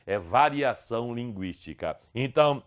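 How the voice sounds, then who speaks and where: A Brazilian man teaching an online lesson, slowly spelling out speech sounds with careful, exaggerated articulation. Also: medium pitch, lively intonation. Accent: Brazilian Portuguese. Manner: slow, over-articulated demonstration of sounds. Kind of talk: video lesson promoting a course.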